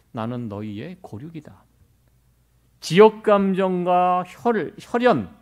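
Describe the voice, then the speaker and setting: A man's voice: high-pitched, a little mellow. A middle-aged man from Korea, preaching a sermon as pastor in a conversational way, with many rhetorical questions to the congregation.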